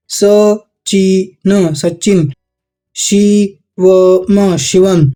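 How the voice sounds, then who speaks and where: A teacher walking students through Hindi vowel signs, spelling out words one syllable at a time. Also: male voice, high-pitched, dark tone. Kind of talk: Hindi phonics lesson.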